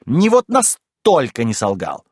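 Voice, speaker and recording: A man voicing a polite, scheming middle-aged gentleman who talks evasively and with wounded dignity in an audiobook reading. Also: mid-range voice, huge pitch swings, a little slow, husky, no room sound, studio quality, exaggerated voice. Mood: wheedling.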